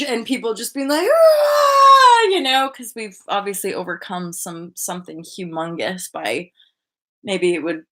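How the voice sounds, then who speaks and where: Through a webcam at desk distance, a livestream host in her thirties chats casually from an indoor bedroom in a lowish voice. She is animated, gestures a lot and laughs frequently, and her talk is peppered with "like" and restarts.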